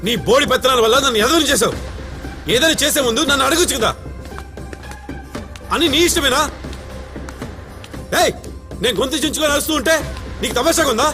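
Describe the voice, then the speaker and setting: Brief: actor as a proud rich husband, quick to anger, Telugu accent, with a movie score behind. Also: male voice, fairly high pitch, faint music behind, natural voice. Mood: furious. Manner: shouting angrily, then bitter voice-over narration. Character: arrogant rich husband, short-tempered. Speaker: husband and narrator. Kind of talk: film drama dialogue.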